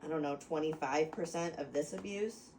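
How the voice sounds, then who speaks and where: A woman's voice: deep voice, moderate pace, darkish tone, roomy sound, slight background noise, low-quality recording. A woman rambling through a mock lecture to her friends, stopping and restarting and laughing often. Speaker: host explaining to friends. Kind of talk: casual chat, mock lecture.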